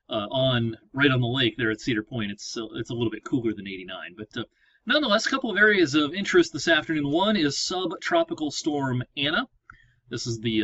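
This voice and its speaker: A man's voice: medium pitch, fairly bright tone, breathy edge, dry recording. Easygoing man briefing on the weather. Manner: conversational, explains while clicking through maps. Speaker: meteorologist. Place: at a computer with weather maps. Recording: slightly dull lo-fi audio.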